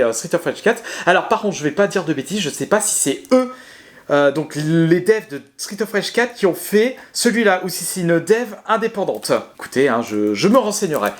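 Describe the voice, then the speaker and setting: A man casually showing his video game collection to his viewers, chatty and hesitant, with many fillers, restarts and self-mocking laughs. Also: fairly high pitch. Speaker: gaming video creator. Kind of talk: casual talk to camera.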